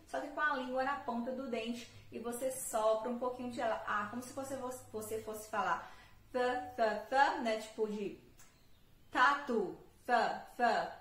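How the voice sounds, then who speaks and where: A woman's voice: fairly high pitch, a bit bright, roomy sound. A Brazilian woman teaching English online, patiently drilling words and repeating them for practice. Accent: Brazilian Portuguese. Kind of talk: online language lesson.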